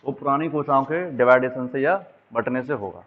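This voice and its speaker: Pitched in the middle and moving a little fast, a man delivers an exam-focused biology lesson over a tinny, phone-like line. He illustrates points with diagrams as he talks and regularly checks that listeners are following.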